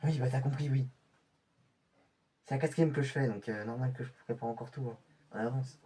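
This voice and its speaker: A man's voice: mid-range voice, fairly quick, mellow, husky, distant mic, natural voice. A man playing a young male infiltrator getting ready for a covert mission, often stammering and restarting his sentences in amateur web-drama style. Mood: defensive.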